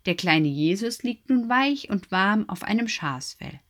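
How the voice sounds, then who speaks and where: A woman's voice: mid-range voice, lively intonation, measured pace, a bit bright, pitched above the performer's own voice. A woman doing a wise, eager owl. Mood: excited. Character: wise, helpful female owl guide.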